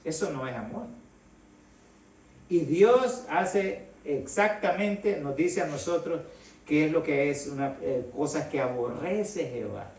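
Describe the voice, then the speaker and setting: A man's voice: on the high side, takes it slowly, a little mellow. A middle-aged man from El Salvador, preaching a sermon in a conversational way and often calling his listeners brother. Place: church hall. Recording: echoey hall, voice from a distance.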